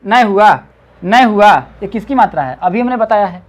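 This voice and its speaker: A woman tutoring reading one-on-one, patiently repeating syllables slowly and coaxing her student along. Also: medium pitch.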